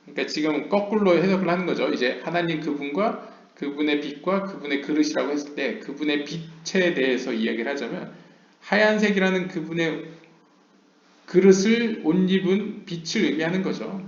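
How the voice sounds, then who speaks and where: Slow, gravelly lecturing man, echoey room. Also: on the high side. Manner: reads English passages slowly, then explains in Korean with frequent "어" fillers. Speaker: lecturer on Kabbalah. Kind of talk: lecture, reading text aloud and explaining. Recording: roomy, dull lo-fi home recording.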